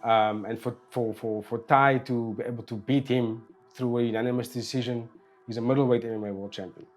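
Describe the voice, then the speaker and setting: A man's voice: mid-range voice, fairly even intonation, fairly quick, faint music behind. A man hosting a casual fight preview, talking loosely with frequent restarts and repeated words. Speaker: host.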